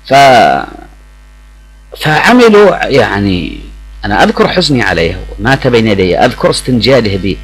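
A man's voice: lowish voice, slightly rough, low-quality recording. A middle-aged man, speaking emotionally on the radio with many hesitations and restarts. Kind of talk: reflective personal talk.

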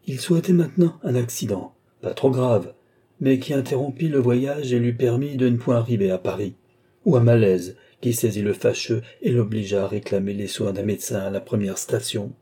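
A man narrating a short story in a measured storytelling manner. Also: mid-range voice, mellow, slightly rough.

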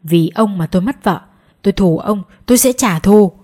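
A woman voicing a loud, boastful middle-aged village man in a spoken ghost story. Her voice is husky and emphatic. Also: medium pitch, moderate pace, lightly acted. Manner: raised, emphatic.

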